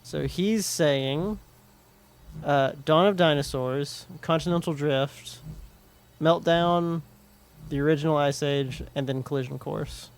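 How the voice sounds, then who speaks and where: A man's voice: takes it slowly, clear, resonant tone. A man chatting casually while streaming a game, rambling and restarting his sentences. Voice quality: higher voice. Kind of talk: casual gameplay chat.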